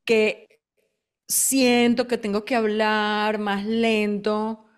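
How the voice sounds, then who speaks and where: A woman co-hosting a podcast, talking in a lively, chatty way with quick bursts while asking her guest questions. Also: medium pitch, smooth. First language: Spanish. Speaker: podcast co-host. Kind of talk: casual podcast conversation.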